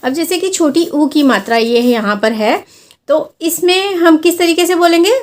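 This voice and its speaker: A woman's voice: extremely high pitch, moderate pace. A woman teaching a Hindi lesson on vowel signs, explaining each one patiently and drawing out sample words to show the long and short sounds. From India.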